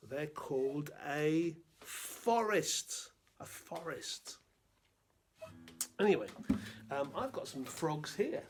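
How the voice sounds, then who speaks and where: A man presenting a gentle lesson for under-fives, unhurried and halting with little fillers. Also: on the high side, slight background noise. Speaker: children's presenter.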